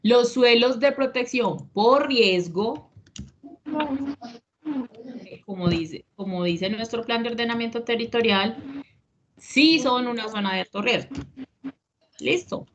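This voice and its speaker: A woman lectures patiently in a class held over a video call, pausing to ask whether everything is clear. The audio is dull and lo-fi, with a faint hiss behind her. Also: a little high. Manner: explanatory, checks understanding with questions. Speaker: instructor of a risk management course.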